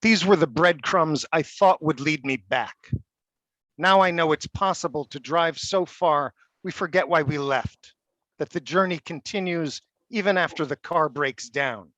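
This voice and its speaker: Halting male poet, dry close sound. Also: a little high, no room sound. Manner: halting and stammering when talking, steady when reading. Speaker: poet and college faculty member. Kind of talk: poetry reading.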